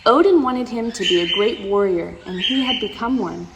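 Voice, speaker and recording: A story time host reads a storybook to young children in a mid-range voice at a moderate pace. Her reading is expressive, full of exclamations and little asides to the kids. The recording carries clear background noise.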